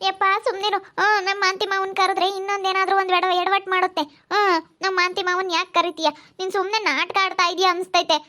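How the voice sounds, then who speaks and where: A woman's voice: very high-pitched, level tone, fast talker, pushed and bright. A woman voicing a young village woman who nags and scolds in a Hiriyur Kannada accent. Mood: scolding. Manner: nagging, scolding, complaining.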